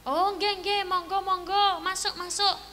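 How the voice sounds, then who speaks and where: Brief: polite, devout old innkeeper, reassuring, acted by a woman preacher, high and bright, echoing. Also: little pitch movement, a little slow, slight background noise, full character voice. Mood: gentle. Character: kindly trusting male innkeeper, father.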